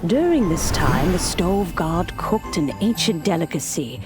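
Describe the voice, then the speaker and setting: A woman playing a wise ancient woman in a game cutscene, speaking in a measured, solemn, reflective way. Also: fairly low pitch, big pitch swings. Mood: solemn storytelling. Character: calm wise ancient woman, old friend of gods. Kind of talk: scripted narration, game cutscene. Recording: music behind the voice. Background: music.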